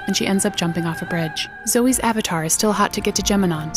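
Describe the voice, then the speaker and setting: A woman reading a scripted comic television recap in a flippant, slangy manner. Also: on the low side. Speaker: recap narrator. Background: music bed.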